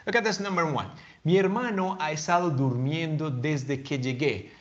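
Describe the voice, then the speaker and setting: A man's voice: a little high, measured pace, lo-fi sound. Man teaching English grammar. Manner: switches between Spanish and English, patient explanations; checks in often with the class. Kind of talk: recorded online grammar lesson.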